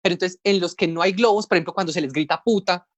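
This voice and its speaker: A man's voice: high-pitched, fast talker, no echo. A Colombian man, a comics editor, talking casually over a video call, rambling and explaining things step by step. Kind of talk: casual panel talk.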